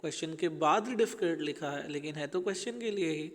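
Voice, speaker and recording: A man's voice: on the high side, a little fast, a bit bright, big-room sound. A man teaching an English grammar lesson to schoolchildren, explaining patiently and speaking to them as children.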